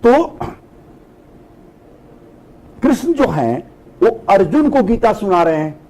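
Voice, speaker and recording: A man's voice: high voice, sing-song, takes it slowly, warm tone, low-quality recording. A middle-aged man, a spiritual teacher, giving a discourse to an audience. He asks rhetorical questions and answers them himself, and he drops English phrases into his talk.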